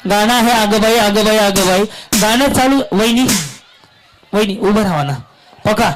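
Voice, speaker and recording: At a public event, a man runs a balloon game over the PA, teasing the crowd and repeating the instructions in lively emcee patter. His voice sits high and his pace is measured. The recording is rough, with loud music behind him.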